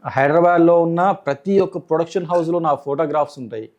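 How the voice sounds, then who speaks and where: Boastful man, fairly high voice. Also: fast talker, a little mellow. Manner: boastful, insistent storytelling. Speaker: interview guest, aspiring actor. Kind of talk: casual interview.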